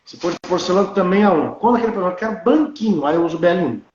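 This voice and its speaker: A man's voice: high-pitched, lively intonation, fast, darkish tone, roomy sound, muffled recording. A man in his thirties from Brazil, a dentist speaking bluntly and animatedly in casual conversation. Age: 30s.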